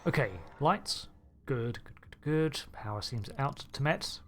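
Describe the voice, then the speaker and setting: A man's voice: medium pitch, unhurried, fairly bright tone, a little hiss or hum. A man narrating a video game story playthrough in a conversational way, with wry asides. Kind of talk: narrated playthrough with light commentary. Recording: voice over background game music.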